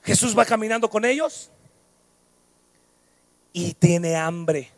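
A middle-aged man with a Mexican accent preaching a sermon, switching between shouted, singsong passages and quiet storytelling. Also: sits high, slow, dry recording.

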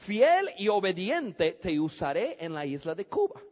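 A man voicing God speaking slowly and solemnly within a preacher's story. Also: sits high, very animated, in a large hall, lo-fi sound, voice pushed down.

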